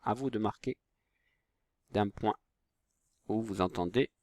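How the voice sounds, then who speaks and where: A man's voice: on the low side, darkish tone, no echo. A man teaching a phonics lesson to young children, patient and stretching out each word. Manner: slow, patient, stretches words out.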